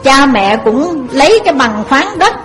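A woman's voice: high-pitched, very animated, measured pace, poor audio. A woman telling a moral story as a sermon, addressing her listeners emphatically.

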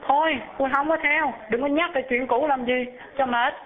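A man voicing a sharp-tongued wife who scolds and refuses her husband, heard over a phone-like narrow band. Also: very high voice, steady tone, brisk, pitched above the performer's own voice. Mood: scolding. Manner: scolding, dismissive.

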